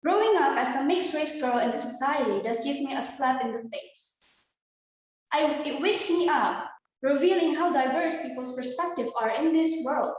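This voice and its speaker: A young Indonesian woman, a student, delivers a prepared inspirational speech over a video call, earnestly addressing her audience directly. Her voice is high and her pace moderate. The recording is low quality with heavy reverb.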